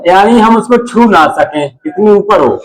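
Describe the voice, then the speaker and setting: A man's voice: high-pitched, expressive, moderate pace, poor audio. A male English grammar teacher giving a classroom lesson, explaining step by step and often checking that his students follow.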